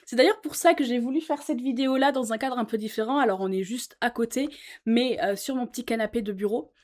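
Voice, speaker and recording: A woman's voice: a little high, quick pace, a little mellow. A woman musician talking earnestly to camera from a sofa in her small office, in a casual chat full of fillers. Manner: earnest, thoughtful, with many fillers. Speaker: YouTuber and musician.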